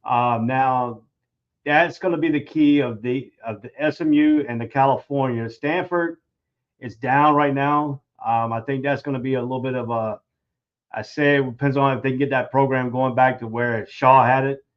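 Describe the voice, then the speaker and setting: A man's voice: medium pitch, steady tone, moderate pace. A man talking through his take as a guest commentator, loose and full of restarts. His voice sits in the middle of the range. The audio is muffled and lo-fi. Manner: loose, repeats and restarts phrases. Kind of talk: casual sports analysis. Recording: dull lo-fi audio.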